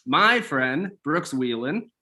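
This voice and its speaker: A man's voice: on the high side, very animated, takes it slowly, bright, forceful tone. A man hosting a podcast, asking questions eagerly in a casual interview. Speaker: podcast host.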